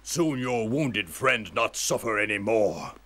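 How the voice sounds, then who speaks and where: An actor playing a cruel Huron warrior chief who gives harsh orders in broken English. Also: male voice, on the low side, animated, takes it slowly. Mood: menacing.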